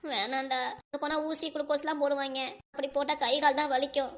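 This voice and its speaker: Woman doing a whiny sick cartoon mom, high voice, groaning the whole time. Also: level tone, quick pace, close to an everyday voice. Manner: whiny, moaning, groaning with stomach pain. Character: ailing middle-aged village mother, complaining. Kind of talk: cartoon voice acting.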